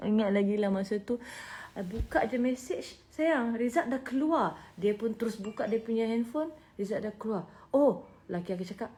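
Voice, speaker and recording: A singer in her thirties with a Malaysian Malay accent shares a personal story in a vlog, her voice a little high. She is emotional and animated, sinking to hushed whispers and then rising to loud bursts.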